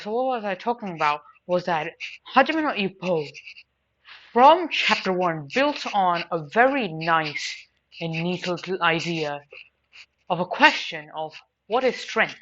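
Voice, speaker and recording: A woman reviewing anime and manga shares her opinions casually and without a script, rambling and emphatically repeating words. Her voice is lowish and a bit bright, heard through a dull lo-fi mic carrying faint noise.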